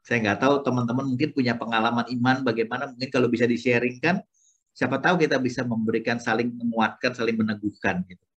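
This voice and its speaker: A man sharing a personal faith testimony with his Bible study group over a video call, telling it in an animated way and acting out the dialogue. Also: mid-range voice, quick pace, husky, highs cut off. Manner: animated storytelling, acts out dialogue.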